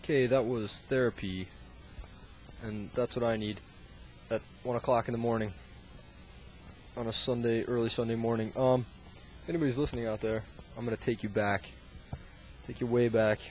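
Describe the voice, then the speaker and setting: Young man in his twenties as a late-night college DJ, dry and jokey, mid-pitched voice, faint tape hiss behind. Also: steady tone, moderate pace, long pauses, a little mellow, low-quality recording. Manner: dry, joking, laid-back patter. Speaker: college radio DJ.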